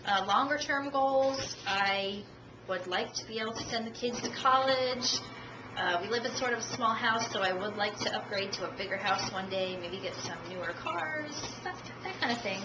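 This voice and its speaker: A woman in her thirties from the United States giving a self-introduction speech for a class, measured and dotted with ums and uhs, recorded on a camcorder. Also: a little high. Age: 30s. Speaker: student. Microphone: camcorder at a distance. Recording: echoey room, distant camcorder, audible noise.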